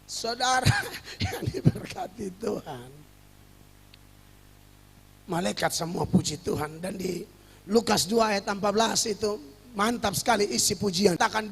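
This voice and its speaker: A man preaching a sermon as pastor, lively and humorous. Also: high-pitched, creaky, slightly rough, in a large hall.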